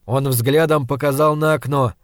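A man with a mid-range voice narrates a literary audiobook in a steady, even storytelling manner at a moderate pace. The recording is dry, with clean studio sound.

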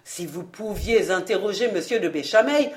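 A woman's voice: mid-range voice, animated, moderate pace, close to an everyday voice. A woman playing a terrified pleading nobleman. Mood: desperate.

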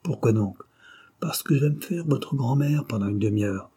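A man's voice: mid-range voice, expressive, normal speed, mellow, breathy edge. A man reading an audiobook, voicing a playful, teasing young male writer.

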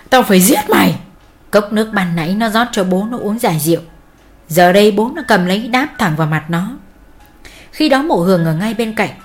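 Woman narrating a dramatic audio story. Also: medium pitch. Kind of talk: scripted narration.

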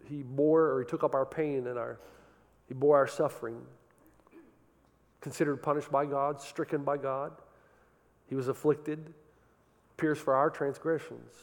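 A man preaching a sermon with passion, swinging from loud emphasis to quiet, intense moments. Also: fairly high pitch, fairly even intonation, moderate pace, big-room sound. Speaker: pastor.

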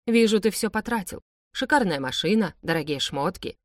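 A woman's voice: medium pitch, expressive, moderate pace, no room sound, clean studio sound, far from the mic, natural voice. A woman voicing a powerful man who speaks dryly, with sarcasm and curt commands. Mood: cold sarcastic.

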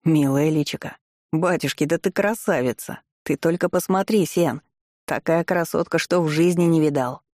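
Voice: mid-range voice, moderate pace, darkish tone, dry recording, studio quality, close to an everyday voice. A reader voicing a sly, leering male outlaw crony in an audiobook, in a mocking tone. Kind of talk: audiobook reading.

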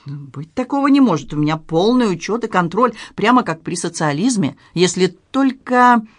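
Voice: mid-range voice, expressive, moderate pace, no echo, natural voice. A narrator voicing an irritable male head waiter who talks indignantly and scolds, read in an audiobook. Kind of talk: audiobook character reading.

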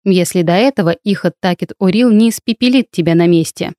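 An arrogant healer, a man who presses and threatens, snapping out curt commands in a dark, dry low voice, as a woman reads him out. He sounds imperious and spiteful throughout this storybook scene. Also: brisk, no echo, natural voice. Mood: haughty, pressing.

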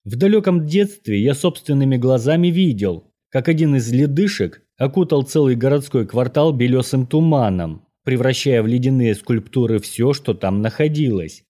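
A man voicing an old Norwegian mage, courteous and menacing, who speaks in a measured, formal, lecturing way. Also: mid-range voice, animated, warm tone, pitched above the performer's own voice, lightly acted.

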